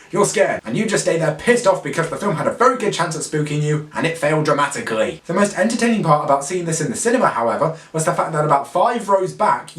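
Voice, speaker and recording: A man's voice: on the high side, fairly bright tone. A man ranting sarcastically through a countdown of bad films, exasperated and swearing. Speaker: film reviewer. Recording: echoey room, distant mic.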